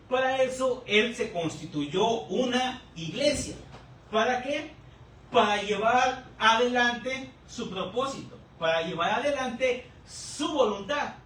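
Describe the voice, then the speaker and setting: A male pastor preaching a teaching sermon, who keeps checking in with the congregation and repeats key words slowly. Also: extremely high pitch, animated, fairly bright tone. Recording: echoey room, distant mic, faint noise.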